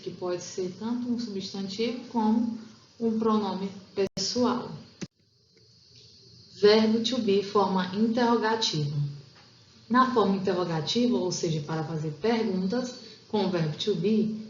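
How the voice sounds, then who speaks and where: A Portuguese-speaking woman teaching an English grammar lesson over slides, explaining step by step and slowing down to read example sentences. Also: medium pitch. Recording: roomy, dull lo-fi sound.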